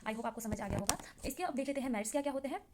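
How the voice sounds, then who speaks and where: A fast-talking young woman runs through revision notes like a trainee teacher, her voice sitting a little high. She explains in a loose, chatty way, full of fillers and restarts. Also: noisy background. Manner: chatty explaining with many fillers, reads English definitions slowly. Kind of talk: casual exam-revision lesson.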